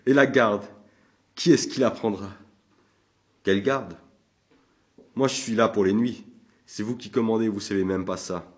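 A man's voice: lowish voice, fairly even intonation, unhurried, pauses often, close to an everyday voice. A man voicing a drunken, brutish soldier sergeant who bellows and hurls insults, in a storybook reading. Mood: mocking.

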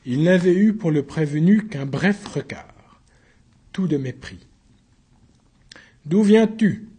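A man reading a story aloud as a first-person narrator, in a measured storytelling voice. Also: a little high, expressive, mellow, slightly rough. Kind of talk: audiobook narration.

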